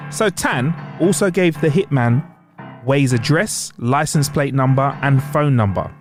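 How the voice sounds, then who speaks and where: A man's voice: medium pitch, animated, a little slow, music in the background. A man co-hosting a podcast, telling a true-crime story with comic asides and long, playful strings of synonyms.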